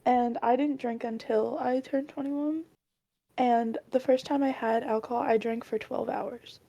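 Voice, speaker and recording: A woman's voice: a little high, steady tone, unhurried, creaky, warm tone, dull audio. A woman in her twenties co-hosting a podcast, cheerful and giggly in casual chat, with a slightly hesitant, filler-laden way of talking. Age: 20s. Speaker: podcast co-host.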